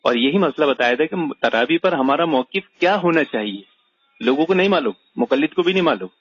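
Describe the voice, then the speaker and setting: A man's voice: on the high side, lively intonation, breathy edge, no room sound, dull audio. A man teaching a religious point in a debate-style chat, arguing with pointed rhetorical questions. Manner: argumentative, rhetorical questions, emphatic.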